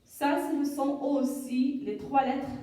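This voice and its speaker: A woman teaching a lesson to young children, speaking slowly and breaking words into syllables, with many "d'accord". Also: high-pitched, steady tone, mellow. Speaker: primary school teacher. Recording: echoey room, voice from far off.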